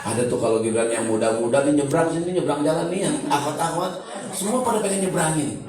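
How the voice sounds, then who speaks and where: A man's voice: fairly high pitch, fast, crowd noise. A man preaching, telling stories with jokes and acted-out dialogue. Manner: animated, joking, acts out dialogue. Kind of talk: humorous sermon storytelling. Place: large conference hall. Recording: echoey hall from far off.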